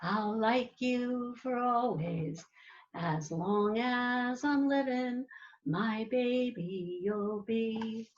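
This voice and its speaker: A woman voicing a devoted storybook mother who softly and tenderly gives a lullaby to her baby. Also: fairly high pitch, highs cut off. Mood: tender, soothing. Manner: soft, slow, tender lullaby delivery.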